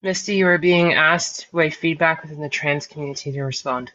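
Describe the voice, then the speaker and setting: A moderator thanking speakers and calmly directing turns in a live discussion. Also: mid-range voice, brisk. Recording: muffled lo-fi audio.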